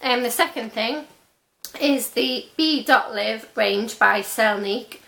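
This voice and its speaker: A woman's voice: a little high, slow pace, gravelly, fairly bright tone. A young woman reviewing beauty products in a chatty, gushing vlog while losing her voice. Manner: chatty and gushing, many fillers. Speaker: beauty vlogger.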